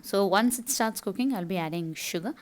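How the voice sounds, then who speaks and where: A woman's voice: medium pitch, a little fast. A middle-aged woman from South India with a Tamil accent, casually narrating her cooking and chores step by step as a home vlogger. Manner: explanatory, step-by-step.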